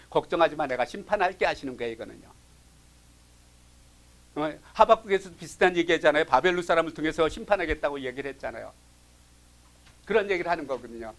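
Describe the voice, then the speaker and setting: A man teaching a Bible study class, animated, dropping from loud emphasis to hushed asides and acting out quoted voices. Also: a little high, fast.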